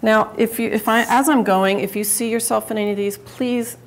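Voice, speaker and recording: A woman's voice: on the high side, fairly even intonation, a little fast. A woman giving a live public speaking talk to an audience, chatty and conversational, often restarting and correcting herself mid-sentence.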